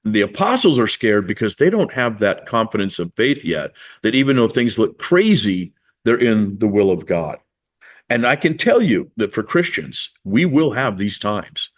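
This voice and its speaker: A man's voice: lowish voice, big pitch swings, moderate pace. A man preaching a sermon in a conversational, storytelling way, acting out the people he quotes. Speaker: pastor.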